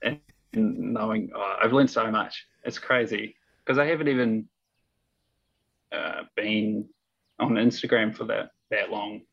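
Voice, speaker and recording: A young New Zealand man with a low voice full of vocal fry. He chats in a laconic, low-key way on slightly muffled audio. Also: fairly even intonation, measured pace, fairly bright tone. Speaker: podcast guest. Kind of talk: casual chat.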